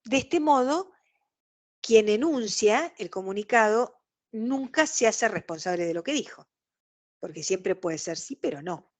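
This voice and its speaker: A woman's voice: medium pitch, lively intonation, measured pace. A woman with a Rioplatense Spanish accent, giving an explanatory online lecture over a video call and acting out quoted exchanges. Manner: explanatory, acts out quoted dialogue.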